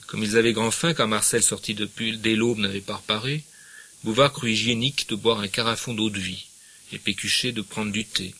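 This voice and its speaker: A middle-aged man lectures on a novel and reads long passages aloud with expression. His low voice is husky yet bright and forceful. When he comments between passages, he hesitates with fillers. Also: fairly even intonation, brisk. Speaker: literature lecturer. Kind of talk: lecture with literary readings.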